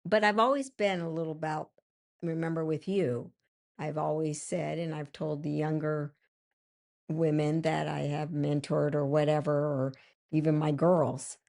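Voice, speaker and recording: Older lady cohost, slow and kinda gravelly, low-ish voice, trails off a lot. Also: little pitch movement, darkish tone. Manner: hesitant, reflective, many restarts. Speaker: podcast co-host. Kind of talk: casual chat.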